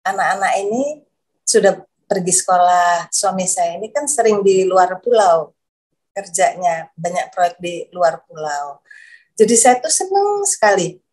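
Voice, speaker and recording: A woman with a fairly low, darkish, animated voice gives her conversion testimony as a guest at a measured pace. She's casual and hesitant, repeating herself and searching for words, and her voice rises as she grows emotional.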